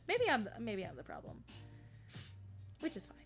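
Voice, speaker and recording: A woman streaming live, chatting casually with viewers, rambling and self-deprecating, sniffling, bursting into excited greetings as she reads the chat. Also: on the high side, moderate pace, faint music behind. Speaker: streamer debuting a virtual fairy-empress persona.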